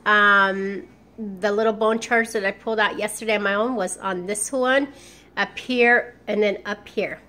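A woman's voice: mid-range voice, steady tone, measured pace, pushed and bright. Woman vlogger wearing new dentures, rambling. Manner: rambling, many ums and restarts. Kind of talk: casual vlog update. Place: home.

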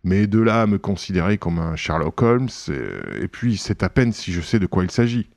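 A man reading an audiobook, voicing a calm chevalier who lectures on a crime with slightly dogmatic assurance. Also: deep voice, moderate pace, gravelly, dry recording, heavily acted. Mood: assured. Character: suave self-assured gentleman sleuth, Italian chevalier. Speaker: reader voicing a character.

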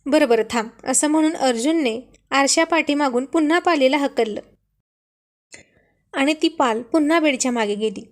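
A woman narrating a romantic story in a steady, expressive reading voice. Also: sits high, moderate pace, long pauses.

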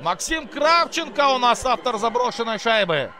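Excited high-pitched man calling hockey goals. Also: crowd noise. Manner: exclamatory, drawn-out words, colloquial interjections. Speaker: hockey commentator. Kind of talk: excited hockey goal call; live play-by-play sports commentary.

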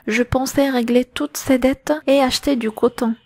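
A woman reading a calm, devout father. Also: high-pitched, normal speed, no room sound. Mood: steady. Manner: calm, steady, consoling. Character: grave, calm, devout father, middle-aged man. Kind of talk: audiobook reading of a novel.

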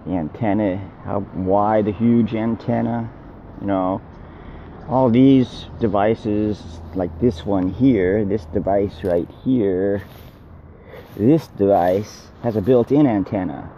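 A man's voice: fairly low pitch, takes it slowly. A man in his fifties grumbling and rambling casually to camera, often repeating himself. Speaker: vlogger. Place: outdoors, car window and laundromat. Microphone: phone held at arm's length. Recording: muffled handheld phone recording with hum.

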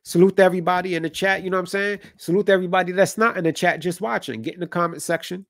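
This boxing stream host, nose stuffy from a cold, talks conversationally and with strong opinions while reading his live chat aloud from a home room with colored lights. He speaks rapid-fire in a high, steady, fairly bright voice. The sound is clean studio quality with no echo.

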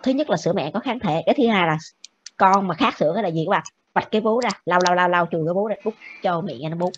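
A woman teacher gives a classroom lecture, checking with the students after nearly every point. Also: lowish voice. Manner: brisk, keeps checking with the class. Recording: dull lo-fi with faint noise.

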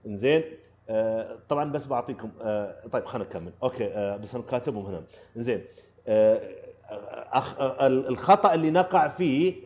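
A man's voice: mid-range voice, lively intonation, fast talker, darkish tone. A man with an Omani Arabic accent, hosting a live stream where he answers viewers' driving questions in a casual, emphatic way and repeats his key phrases. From Oman.

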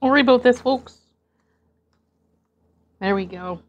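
A woman's voice: on the high side, measured pace, dull audio. A woman in her thirties talking casually between bites in an eating vlog, recorded on a lapel mic on her living room sofa. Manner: chatty, eating between remarks. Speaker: mukbang vlogger.

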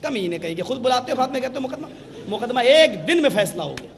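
A man preaching a sermon, animated and mocking, acting out the dialogue in his stories. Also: very high voice, a little hiss or hum. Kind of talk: sermon with storytelling. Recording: long hall reverb.

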